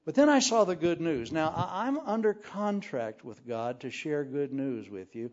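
An older man preaches in a folksy, animated way, spinning self-deprecating stories into his sermon. His voice sits a little high for a man, and the sound is muffled and lo-fi. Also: normal speed. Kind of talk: sermon with humorous storytelling. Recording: muffled lo-fi recording.

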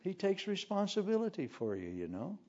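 An older man preaching a sermon full of humorous, self-deprecating stories, folksy and animated. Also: high-pitched, fairly quick. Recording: muffled lo-fi recording.

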